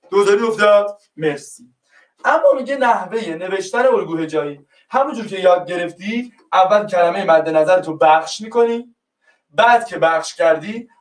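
A man's voice: high voice, reverberant, distant mic. A man teaching a class, coaxing his pupils and repeating each prompt until they answer. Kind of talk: online class lesson.

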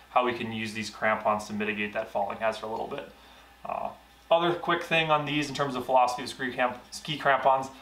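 Man in his thirties, mountain guide, relaxed explanatory talk, roomy garage echo. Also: mid-range voice. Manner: casual, explanatory, many fillers. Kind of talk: gear explainer video. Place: indoor garage gear room. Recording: echoey room.

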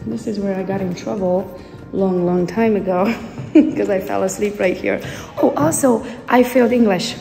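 A woman's voice: medium pitch, normal speed, vocal fry, mellow, faint music behind. A woman in her forties from Transylvania, telling her life story in a chatty, playful vlog and talking straight to her viewers. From Transylvania, Romania. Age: 40s. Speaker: entrepreneur vlogger. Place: home office with window, then old school building.

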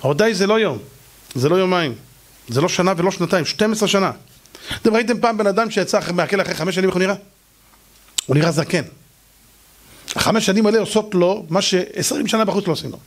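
Male rabbi, sermon, high-pitched, animated rhetorical storytelling. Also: pauses often.

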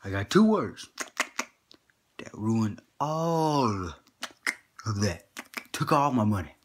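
A man's voice: on the low side, animated, slow, a little hiss or hum. A man playing a boastful old grandpa who tells tall tales in a folksy, slangy drawl and chuckles between lines. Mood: teasing. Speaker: comedy skit performer. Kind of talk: comedic character monologue.

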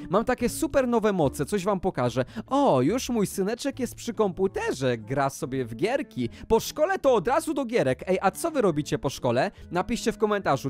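A man playing out a Minecraft role-play as a YouTuber, talking excitedly and exclaiming to his viewers. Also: high-pitched. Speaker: gaming YouTuber.

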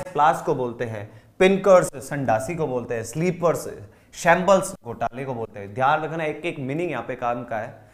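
A man with an Indian accent and a medium-pitched voice teaches an online exam-prep English lesson in Hindi. He drills word lists and checks that his students are following.

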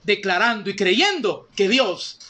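A man's voice: high voice, big pitch swings, unhurried, pushed and bright. A pastor preaching a sermon with fervent delivery, calling his listeners brothers and sisters.

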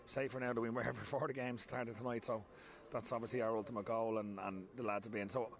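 Irish man in his forties, football manager, rapid and candid, stop-start phrasing, recorded pitchside at night. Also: level tone, slight background noise. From Ireland. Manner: frank, repeats himself, many restarts. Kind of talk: post-match interview. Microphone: handheld mic held close.

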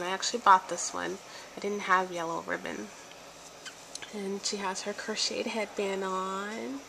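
A woman with a head cold and a stuffy nose, chatting casually through an unboxing and pausing often on ums. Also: mid-range voice, gravelly. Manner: slow, with many ums. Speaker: vlogger. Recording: noisy home video.

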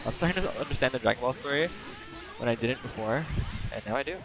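A man giving live commentary as he streams a fighting game on a headset, excitable, laughing, swearing and getting hyped. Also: mid-range voice, fast, gravelly, over music.

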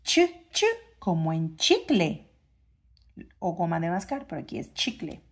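A woman's voice: fairly low pitch, lively intonation, unhurried. A woman, reading a phonics book aloud to a child and sounding out the letter sounds in a sing-song way.

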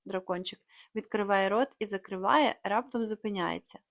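A woman reading stage directions of a children's play in a low, quiet voice. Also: moderate pace, vocal fry, no echo, studio quality. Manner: low, quiet, matter-of-fact. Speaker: audiobook reader.

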